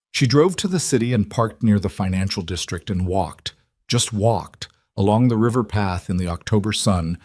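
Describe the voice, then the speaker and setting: A man giving measured, reflective scripted narration of a drama story. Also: lowish voice, darkish tone, no echo, studio quality.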